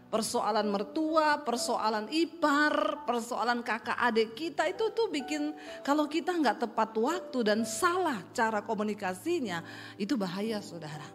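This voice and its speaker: A middle-aged woman pastor with a Sulawesi accent, preaching a lively, joking sermon to a congregation. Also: a little high. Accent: Sulawesi Indonesian. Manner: animated, joking, teasing the congregation. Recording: reverberant hall with faint music.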